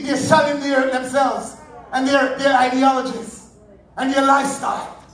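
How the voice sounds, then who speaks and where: A man preaching a Sunday sermon, fervent and breaking into shouts. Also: very high-pitched, far from the mic, slight background noise. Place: church sanctuary. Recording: very echoey church hall, heard from afar.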